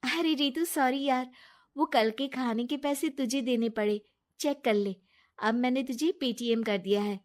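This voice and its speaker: A woman's voice: high-pitched, measured pace, pitched above the performer's own voice. A woman voicing an earnest, trusting young wife. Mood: cheerful. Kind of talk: Hindi cartoon voice acting.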